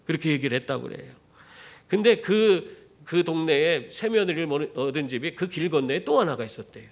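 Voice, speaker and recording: A man's voice: on the high side, a little fast. A man preaching a sermon as pastor, telling stories with rhetorical questions to the congregation. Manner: animated storytelling with rhetorical questions. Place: church.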